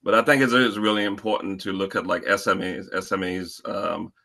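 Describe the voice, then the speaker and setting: A man's voice: low-pitched, fairly even intonation, fairly quick, creaky, bright, forceful tone. A middle-aged man from Haiti, asking a panel speaker a long question in a conversational way, with many fillers and restarts. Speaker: audience member asking a question.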